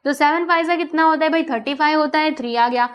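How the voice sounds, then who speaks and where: A young woman teaches math in a chatty, coaxing style, peppering her students with questions and slipping English terms into her explanations. Her voice is high-pitched and fast, and the audio sounds dull.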